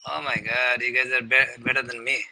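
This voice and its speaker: A man's voice: medium pitch, level tone, a little fast, sharp tone, low-quality recording. A man leading an online student meeting over a video call, encouraging and full of fillers and restarts. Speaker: meeting leader and mentor.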